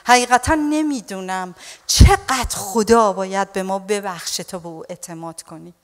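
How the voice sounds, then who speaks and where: A woman pastor preaching a sermon in an animated way, often calling her listeners dear ones. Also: mid-range voice, big-room sound.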